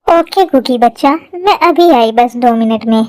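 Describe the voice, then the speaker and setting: A woman's voice: a little high, animated, unhurried, darkish tone, no echo, pitched below the performer's own voice. A woman voicing a caring mother in a Hindi fan-dub drama, talking in a soothing motherly manner. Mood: gentle. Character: caring mother of a teenage girl.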